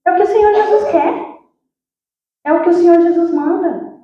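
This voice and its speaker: A high-voiced woman with a Brazilian accent gives a sermon with a personal testimony, telling her story in a lively way and speaking straight to the congregation. Her voice rings through a very echoey church hall, and the recording sounds dull and lo-fi. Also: moderate pace. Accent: Brazilian Portuguese. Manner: lively storytelling, acts out dialogue, addresses the congregation. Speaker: church worker preaching.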